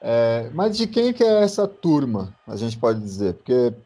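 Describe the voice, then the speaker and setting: A man's voice: medium pitch, animated, measured pace, mellow. A man hosting a casual podcast, interviewing a guest in a playful, teasing way. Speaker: podcast host.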